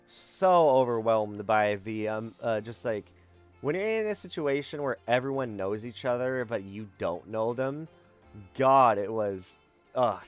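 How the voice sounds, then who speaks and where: A young man chats loosely on a livestream, full of ums and restarts. His voice sits in a middle pitch and sounds worn out. Soft background music plays behind him. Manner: rambling, many fillers and self-corrections. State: tired. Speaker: VTuber streamer. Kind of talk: casual stream chat.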